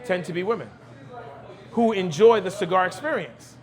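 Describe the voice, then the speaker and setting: The guest is a man from Brooklyn, New York who runs a cigar lounge, speaking on a podcast in a high-pitched, expressive voice at a moderate pace. His interview manner is conversational and emphatic, with repeated phrases.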